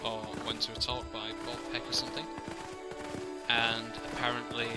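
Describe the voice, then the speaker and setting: Man streaming over loud game music. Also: medium pitch, monotone, normal speed. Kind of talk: casual playthrough commentary.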